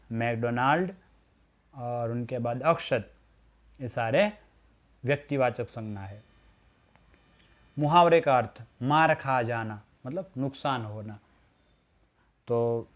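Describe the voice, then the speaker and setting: Slow, deliberate male teacher. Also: medium pitch. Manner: slow, deliberate, repeats phrases. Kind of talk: recorded school lesson.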